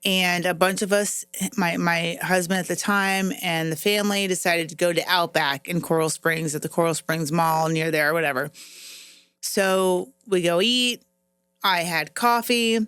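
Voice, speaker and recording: A middle-aged woman co-hosting a podcast, telling an embarrassing story in a casual, animated way and laughing as she goes. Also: on the low side, measured pace, smooth, no echo. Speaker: podcast co-host.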